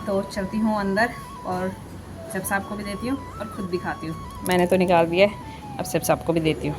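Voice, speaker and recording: A woman's voice: medium pitch, steady tone, a little fast. Chatty woman vlogging at home. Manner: chatty, teasing, laughing often. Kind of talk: casual home vlog. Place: home kitchen and indoors. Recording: echoey room with music behind.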